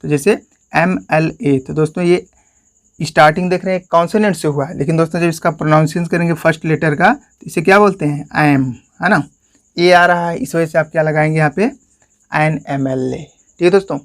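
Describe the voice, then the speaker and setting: Man with a Hindi accent, a bit high-pitched, English grammar tutor who keeps asking and answering his own questions. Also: fairly even intonation, brisk. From India. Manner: repeats "friends" and asks questions he answers himself. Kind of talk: explanatory classroom lesson.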